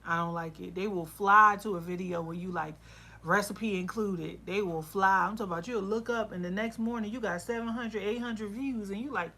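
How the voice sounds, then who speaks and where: Bright chatty woman venting on a livestream. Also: mid-range voice, brisk, hardly any pauses. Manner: chatty, venting, laughs often, quotes herself. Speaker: soap and candle maker hosting a livestream. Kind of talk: casual livestream chat. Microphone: laptop microphone.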